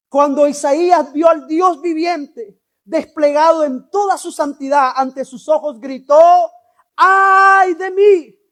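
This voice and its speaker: A man preaching a sermon as pastor, animated and asking the congregation questions. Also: very high-pitched.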